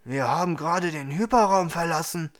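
A man voicing a confused and astonished male crew member of a starship, speaking loudly. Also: high-pitched, steady tone, slow pace, voice pushed up, full character voice. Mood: surprised. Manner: loud, astonished.

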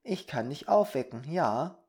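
A storybook reader voicing a little female fairy who patiently explains things to a boy, in a soft and kind manner. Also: mid-range voice, lively intonation, measured pace. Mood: gentle.

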